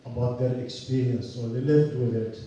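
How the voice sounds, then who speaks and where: An older man from Palestine, a university professor, giving an earnest, measured rally speech outdoors. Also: mid-range voice, fairly even intonation, warm tone, very echoey, far from the mic, highs cut off, slight background noise. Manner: earnest, measured storytelling with restarts.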